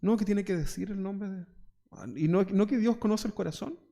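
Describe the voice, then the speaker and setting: Gravelly Chilean pastor preaching. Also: male voice, high-pitched, moderate pace, dark tone. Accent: Chilean Spanish. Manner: conversational preaching, rhetorical questions, mock voices. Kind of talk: sermon.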